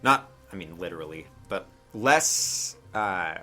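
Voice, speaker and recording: A deep-voiced man acting as game master narrates a tabletop game casually, speaking directly to his players in a hesitant, conversational way. His delivery is animated, slow, pushed and bright, with faint music in the background.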